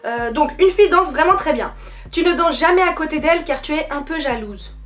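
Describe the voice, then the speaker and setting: A woman's voice: high voice, expressive, fairly quick, a bit bright, soft background music. A young French woman hosting a dance channel, chatting casually and playfully with lots of fillers and self-mocking jokes. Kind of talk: casual vlog chat.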